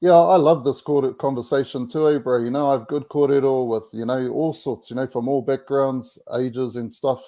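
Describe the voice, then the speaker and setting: A man speaks with a broad Kiwi accent in a mellow, relaxed voice at a middling pitch. He chats casually and reflectively, in colloquial English sprinkled with Māori words. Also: moderate pace, hardly any pauses. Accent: broad Kiwi, Māori New Zealand English. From New Zealand. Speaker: podcast guest.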